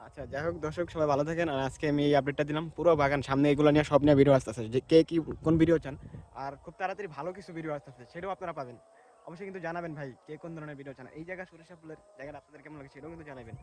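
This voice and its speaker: A man's voice: on the high side, rapid-fire, darkish tone. A man from Bangladesh vlogging outdoors while walking through mustard fields, chatty and colloquial, talking to the camera he holds. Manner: chatty, colloquial, often says "ঠিক আছে". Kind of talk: walking vlog.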